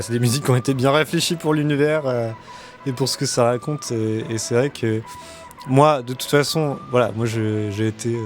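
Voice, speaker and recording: Halting male host over faint music. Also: medium pitch. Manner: hesitant, halting, in short bursts. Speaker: show host. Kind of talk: casual discussion of anime.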